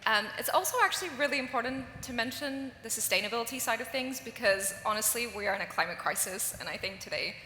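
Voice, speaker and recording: A woman founder who grew up in Singapore speaks earnestly on a conference panel. Her tone is bright and forceful. The hall adds a roomy echo, a long reverb and faint ambience. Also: fairly high pitch, expressive, quick pace, hardly any pauses, slight background noise. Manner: earnest and emphatic. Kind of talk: live panel talk.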